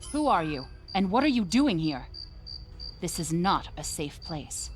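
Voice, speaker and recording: An actress playing a poised, wary warrior princess in a video game, speaking in a regal, measured manner. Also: female voice, on the low side, big pitch swings. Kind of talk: video game character acting. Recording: faint music behind the voice.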